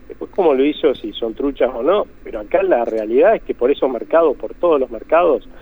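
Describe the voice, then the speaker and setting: Fairly quick and expressive, the husky, medium-pitched voice belongs to an Argentine man interviewed as an economist. He explains forcefully and keeps rephrasing himself, all over a tinny phone connection.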